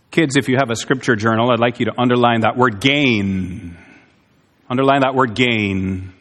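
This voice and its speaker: A man's voice: medium pitch, fairly bright tone. A man preaching a sermon, earnest and emphatic, asking his congregation rhetorical questions. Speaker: pastor. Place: church sanctuary. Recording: long hall reverb.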